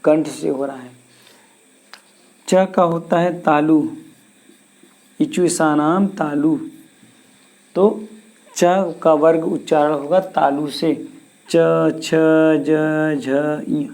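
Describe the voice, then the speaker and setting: A man teaching Hindi grammar in a slow classroom lesson, repeating sounds and asking questions back to his students. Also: on the high side, fairly even intonation, a little mellow.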